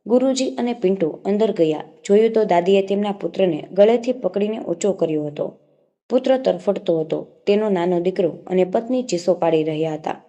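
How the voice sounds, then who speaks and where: A woman narrates a ghost tale as a storybook reading. Her voice is dark and mellow, and her pitch sits in the middle of the usual range. She keeps the same steady telling voice throughout. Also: moderate pace, lo-fi sound.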